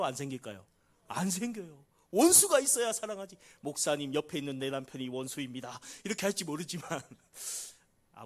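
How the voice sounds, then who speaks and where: A middle-aged man preaching a sermon as pastor, acting out quoted prayers with big shifts from loud cries to hushed pleading. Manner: dramatic, acts out quoted prayers with big swings in pitch and volume.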